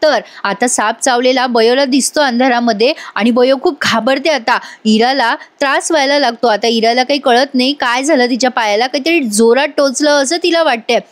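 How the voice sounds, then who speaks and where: A woman with a high voice gives a chatty voice-over review of a TV serial episode. She retells the scenes and keeps turning to talk straight to her viewers. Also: normal speed, few pauses. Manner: chatty, addresses viewers directly.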